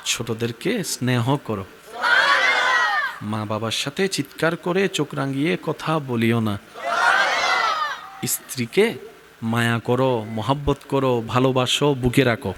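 Rousing preacher over a loud crowd. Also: male voice, medium pitch. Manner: rousing, swings to shouted climaxes; calls on the crowd to answer. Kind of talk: sermon with crowd call-and-response. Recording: loud crowd and heavy noise at a religious gathering. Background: large crowd.

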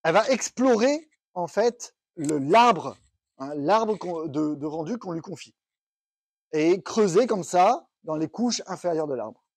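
A man's voice: fairly high pitch, lively intonation, measured pace, a little mellow, slightly rough, no echo, studio quality. A man giving a technical conference talk, explaining step by step and thinking aloud with restarts. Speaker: conference speaker. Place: conference room.

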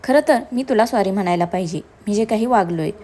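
A young man, gentle and affectionate, who likes to tease , as a woman reading the story puts him on. He talks softly and warmly, at an even middle pitch. It is a storybook reading. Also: fast talker, slight background noise, lightly acted. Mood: tender. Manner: soft, affectionate, playful. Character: young man, tender and teasing groom. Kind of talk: storybook narration.

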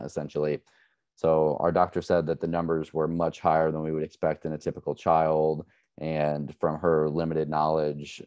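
A man giving an earnest, measured personal account as a parent at an education session, with frequent restarts. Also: very deep voice, dark tone, no room sound. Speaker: parent speaker.

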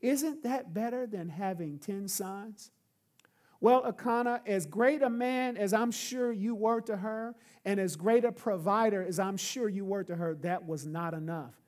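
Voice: medium pitch, fairly even intonation, normal speed, few pauses, a little mellow. Emphatic preacher with repeating refrains. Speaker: pastor. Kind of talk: sermon.

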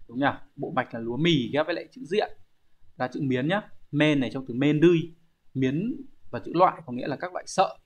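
Guy teaching, slow and steady, counts strokes out loud, mid pitch. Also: muffled recording. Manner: methodical, counts out strokes, asks rhetorical questions. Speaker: language teacher. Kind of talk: recorded online lesson.

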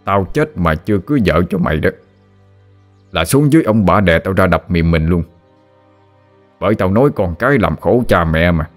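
A man's voice: deep voice, animated, moderate pace, long pauses, faint music behind. A man voicing a teasing, grumbling father near sixty.

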